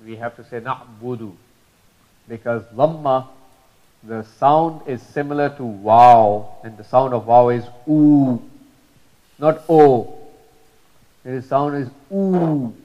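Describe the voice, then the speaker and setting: Man, mid-pitched, religious language lesson, patient, repetitive, many fillers, slightly dull recording. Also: unhurried. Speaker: teacher of Arabic pronunciation.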